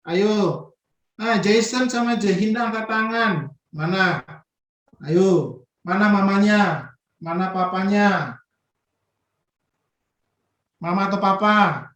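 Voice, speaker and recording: Speaking slowly with frequent pauses, a man whose voice sits high and a bit bright leads kids through an online worship Q&A. It's a Sunday school session on a video call where he draws them out with playful questions, in a reverberant recording.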